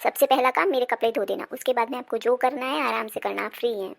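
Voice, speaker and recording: A high, gravelly voice of a spoiled young woman, acted by a woman in a homemade family comedy. She orders people around in a whiny, demanding way and turns everything into a complaint. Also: quick pace. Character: bossy spoiled married daughter visiting home. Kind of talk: amateur family comedy drama.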